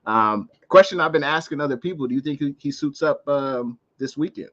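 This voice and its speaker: A man's voice: fairly high pitch, animated, brisk, a bit bright, muffled recording. An American man hosting a live sports call-in show, explaining and commenting in a casual, conversational way.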